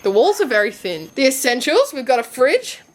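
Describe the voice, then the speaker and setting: A young woman travel vlogger telling stories in an animated, dramatic way, exaggerating for laughs. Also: sits high, brisk, background noise. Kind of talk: casual storytime vlog. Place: tropical villa, indoors and out.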